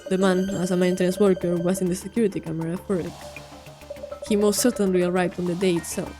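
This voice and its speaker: A woman voicing a calm, theatrical male detective, reading a visual novel aloud with measured, grandly formal questions. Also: on the low side, over music, voice pushed down, lightly acted.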